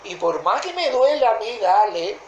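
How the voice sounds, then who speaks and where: A woman with a Rioplatense Argentine accent preaching a sermon in a deliberate way, often stopping to ask whether listeners follow. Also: medium pitch, very animated, a little mellow, muffled recording, slight background noise. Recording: echoey room.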